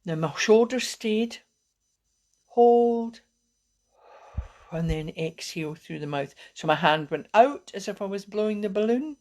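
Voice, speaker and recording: A woman wellbeing coach teaching calming techniques on a live video, talking in a gentle, encouraging way and often restarting her sentences. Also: lowish voice.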